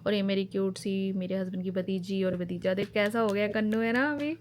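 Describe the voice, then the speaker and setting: A woman's voice: mid-range voice, a little fast. Chatty woman vlogger. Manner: chatty, animated storytelling. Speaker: family vlogger. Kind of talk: casual chat while showing wedding album.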